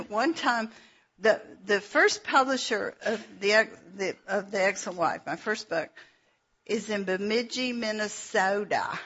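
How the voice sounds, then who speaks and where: A middle-aged woman with a Southern Georgia accent teaches a Bible session in a folksy, chatty way, laughing at herself as she tells stories. Her voice is mid-range and fairly bright, and the dull lo-fi recording carries slight background noise.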